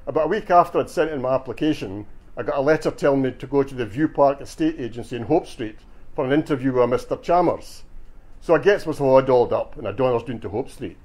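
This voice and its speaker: In a bookshop reading, a man voices a cheeky, stocky older Glasgow joker, boasting in broad dialect. His medium-pitched delivery is fast and a little mellow, close to his everyday voice.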